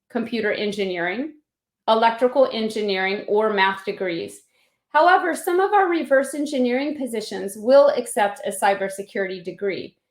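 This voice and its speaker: A woman working as a recruiter reads a scripted, salesy hiring pitch in a polished way. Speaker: company recruiter giving a pitch. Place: indoor room on an online video call. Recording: roomy echo on the voice.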